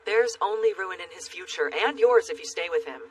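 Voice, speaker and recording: An actress playing a stern, judgmental temple priestess, forceful and disapproving, in an anime dub. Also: female voice, lowish voice, expressive, brisk, recorded from a distance, a little hiss or hum, close to an everyday voice, low-quality recording. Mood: stern, scornful.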